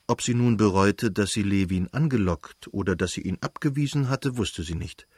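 Husky, dry-voiced male audiobook narrator. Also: on the low side, no room sound. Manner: calm, measured storytelling. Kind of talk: scripted narration of a novel.

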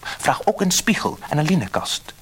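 A man's voice: a little high, sing-song, breathy edge, voice pushed up. A man reading a storybook, voicing a bossy, demanding little wife who orders her husband about. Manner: brisk, commanding.

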